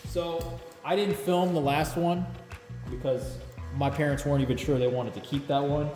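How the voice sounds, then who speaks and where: A man's voice: a little high, normal speed. A man casually walking viewers through an unboxing, recorded on a camera mic in a big echoey garage. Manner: relaxed, chatty, explanatory. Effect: big echoey room sound from a garage. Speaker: product reviewer. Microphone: camera mic, lapel mic dead. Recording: echoey garage with music behind.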